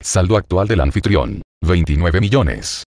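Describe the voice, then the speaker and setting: A man's voice: sits low, animated, unhurried, gravelly, darkish tone, no room sound, heavily acted. A man voicing a formal, game-style system that makes announcements in a web novel reading.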